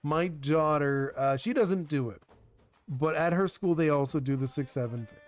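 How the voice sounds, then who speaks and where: Faint music plays behind this young man, a native Spanish speaker whose voice sits on the high side and moves at a normal speed. He's designing a card game on a live stream, chatting loosely and rambling with frequent "like"s and false starts.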